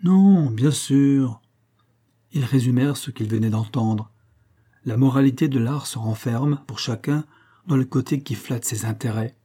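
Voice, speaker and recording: A man narrating an audiobook in a measured, even literary reading. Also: medium pitch, breathy edge.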